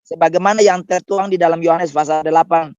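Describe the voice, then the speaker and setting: A man who is a pastor, talking in a scornful, preachy way on a talk show and jumping up in pitch to stress a point. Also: fairly even intonation, fast talker, a little mellow, clean tone, no room sound. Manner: scornful, with sudden pitch jumps for emphasis. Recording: dull dry lo-fi recording.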